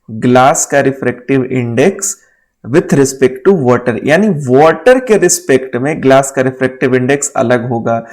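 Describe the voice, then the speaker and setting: A man teaching physics for an exam, talking casually, mixing English terms into Hindi and often checking "है ना?". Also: mid-range voice. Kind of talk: exam-prep lecture. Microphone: writing on a board while talking.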